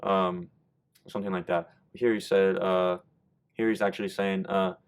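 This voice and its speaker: A YouTuber from the United States explains German rap lyrics in a loose, rambling, casual manner, frequently restarting sentences. His voice is low, smooth and level, at a moderate pace.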